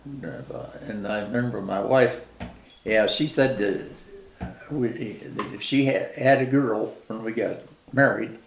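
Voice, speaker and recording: A very old man with a rural American Midwestern accent and a gravelly voice, remembering his life as a veteran in a halting, plain-spoken, folksy way during a casual interview. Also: lowish voice, a little hiss or hum. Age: very old, 90s. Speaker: war veteran being interviewed. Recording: roomy, echoing interview recording.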